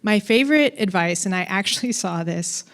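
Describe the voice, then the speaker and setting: A woman's voice: mid-range voice, expressive, normal speed, a little hiss or hum. A woman giving a conference talk on coding, casual and playful, with fillers and asides. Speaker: conference speaker.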